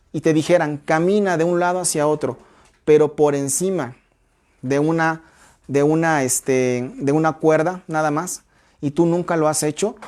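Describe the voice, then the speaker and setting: A woman teaching a church Bible study in a measured, explanatory way, reading scripture aloud. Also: deep voice, a little mellow.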